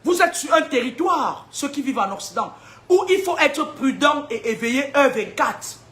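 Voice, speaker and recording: High, bright-voiced woman preaching with fire. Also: expressive, moderate pace. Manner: emphatic and combative, asks rhetorical questions, often laughs. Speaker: spiritual seer giving prophecies. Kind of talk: preaching spiritual warnings to an audience.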